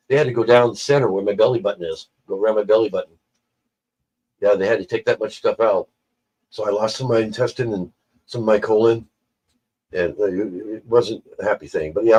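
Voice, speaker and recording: Husky man telling a lively story. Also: lowish voice, poor audio. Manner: animated storyteller acting out quoted people. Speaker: livestream guest. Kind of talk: casual storytelling on a livestream.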